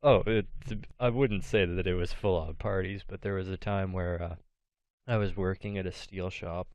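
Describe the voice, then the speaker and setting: Very deep, smooth-voiced young man. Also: steady tone, normal speed, a little mellow, no echo. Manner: swearing, storytelling, dry jokes. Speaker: podcast co-host. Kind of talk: casual chat.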